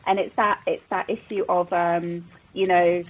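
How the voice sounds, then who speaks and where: A woman commentating live on a race, her enthusiasm spilling out through fillers and restarts. Her voice is husky and a little breathy, and the broadcast audio sounds dull and lo-fi. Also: fairly low pitch, level tone, a little slow. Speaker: color commentator.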